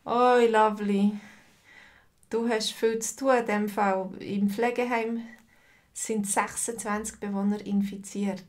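A woman's voice: medium pitch, little pitch movement, a little slow, a little mellow. A woman teaching a live online language lesson over a video call, patiently greeting students by name and asking how they feel.

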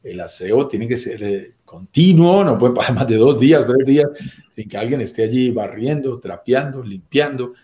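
Middle-aged male presenter, medium pitch, instructive explainer style for online video. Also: animated, normal speed, warm tone, slight background noise. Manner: didactic, repeats key phrases and poses rhetorical questions. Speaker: property business presenter. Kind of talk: explanatory talk on a live video. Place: small room or home office, indoors.

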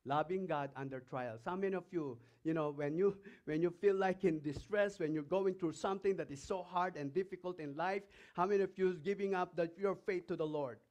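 Heard on dull audio, a Filipino-accented pastor from the Philippines preaches with a high, darkish voice, talking a little fast with few pauses. Between remarks he reads scripture aloud and asks the congregation emphatic questions.

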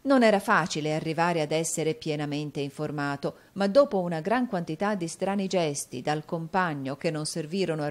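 Audiobook narrator, woman, lower pitch, measured scripted narration. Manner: steady, measured storytelling.

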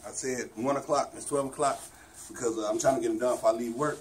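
A man's voice: mid-range voice, steady tone, fast, a little hiss or hum. A man in his thirties talking casually and slangily to a camera in a small shop. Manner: informal, slangy. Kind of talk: casual vlog talk to camera. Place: small shop with carpet, indoors. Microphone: camera held by another person, a few feet away. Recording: slightly distant camera mic.

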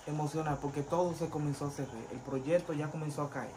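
Hombre dominicano contando su historia con ruido de fondo. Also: male voice, a little high, quick pace. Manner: animated, acts out voices of others when retelling. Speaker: interview guest, former pastor turned vodou priest. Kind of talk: casual storytelling interview. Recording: noisy background.

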